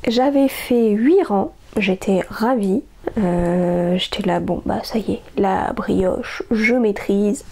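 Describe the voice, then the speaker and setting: A woman's voice: a little high, warm tone. A woman, chatting casually about her knitting projects as host of a crafting podcast, hesitant, with many fillers and restarts.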